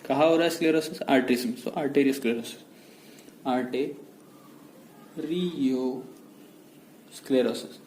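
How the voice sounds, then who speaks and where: A man's voice: mid-range voice, a little mellow. Man teaching medicine in an echoey room. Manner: explains slowly, mixing Hindi and English, repeats key words. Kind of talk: whiteboard lecture. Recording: echoey room with faint noise.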